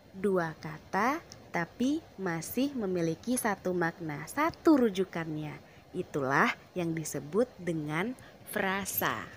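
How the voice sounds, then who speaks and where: A woman teacher explaining a lesson in a deliberate way, stressing key words with rising emphasis. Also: mid-range voice, a little hiss or hum.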